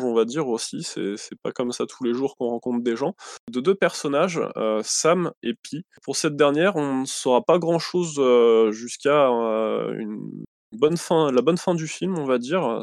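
A man's voice: medium pitch, gravelly, dry recording, clean studio sound. A man presenting a film on a podcast in a casual, rambling way, full of hesitations and self-corrections.

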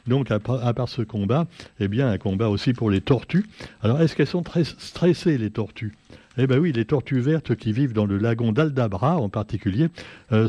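A man's voice: medium pitch, dark tone, no room sound, lo-fi sound. Sardonic chatty man reading the press. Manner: sardonic, chatty, many fillers and asides. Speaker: press review host. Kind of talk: casual spoken press review.

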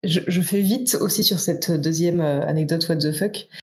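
A woman, a guest on a casual podcast, talking quickly and apologetically with giggles. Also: sits low, darkish tone, a little hiss or hum.

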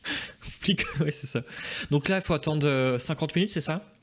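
A man hosting a casual live stream in a relaxed way, reading out messages from the chat. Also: fairly high pitch, normal speed. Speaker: host.

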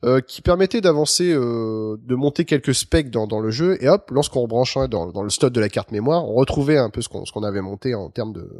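A man's voice: medium pitch, expressive, a little fast, hardly any pauses, darkish tone, no room sound, clean studio sound. A man hosting a casual podcast chat, talking loosely with lots of fillers and restarts. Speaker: podcast host.

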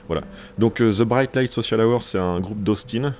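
A man's voice: on the low side, normal speed, darkish tone, a little hiss or hum. A man co-hosting a casual podcast who talks in a wry, teasing way and falters and restarts when he presents a song. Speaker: podcast co-host.

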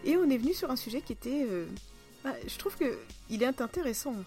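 A woman's voice: sits high, animated, brisk, darkish tone, soft background music. A woman with a southern French accent co-hosting a podcast in casual chat, teasing and laughing easily. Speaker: podcast co-host.

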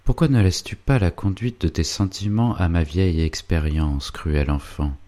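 Old doctor guardian in an audiobook, deep, dark and grave, read by a man. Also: normal speed, close to an everyday voice. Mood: bitter.

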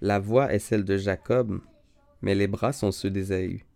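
A man reading the part of an old blind father, speaking in slow, grave pronouncements. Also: low-pitched, fairly even intonation, creaky, darkish tone. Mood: solemn. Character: old blind father Isaac, frail and solemn.

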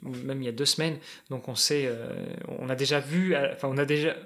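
A man's voice: medium pitch, a little fast, fairly bright tone. A man in a casual podcast conversation, explaining things as he thinks aloud. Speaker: guest, endurance athlete preparing a challenge. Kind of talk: casual podcast interview talk.

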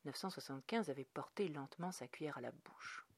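A woman narrating a dark story in a measured read, often dropping to near whispers. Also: deep voice, lively intonation, no echo. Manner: measured, dropping to hushed tones. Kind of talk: scripted narration.

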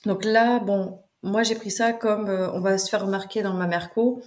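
A woman's voice: mid-range voice, fairly even intonation, moderate pace, darkish tone. Woman co-host, casual and playful, chatty delivery. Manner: chatty and playful, translating lyrics with asides. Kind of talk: casual chat about song lyrics.

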